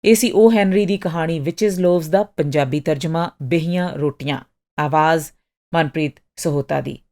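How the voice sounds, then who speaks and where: A woman narrating a short story in an expressive, dramatic storytelling manner. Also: low voice, normal speed.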